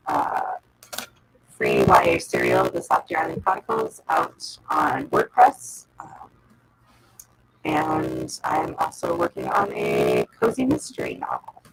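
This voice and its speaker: A woman's voice: extremely low pitch, gravelly. Robotic-sounding woman on a glitchy call. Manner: hesitant, with fillers. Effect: robotic, glitchy voice from a bad internet connection. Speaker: panelist, writer. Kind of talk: casual self-introduction on a video call. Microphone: video call. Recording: glitchy video-call audio with loud noise.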